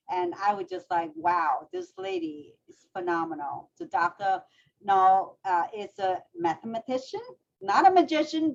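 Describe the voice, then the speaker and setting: Chatty woman co-host on lo-fi audio. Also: medium pitch. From Vietnam. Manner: chatty, with many fillers. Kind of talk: casual talk show hosting.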